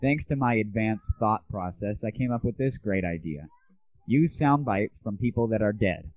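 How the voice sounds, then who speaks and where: A young man with a lowish voice hosts a comic internet audio show, delivering a scripted monologue at a moderate pace in a sarcastic, cocky tone. The recording has no room sound but is tinny, band-limited lo-fi audio.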